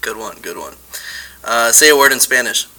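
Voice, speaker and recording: A man hosting a podcast, laid-back, joking and slangy as he asks quick questions. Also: medium pitch, lively intonation, pushed and bright, poor audio. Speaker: podcast host. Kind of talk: casual podcast interview.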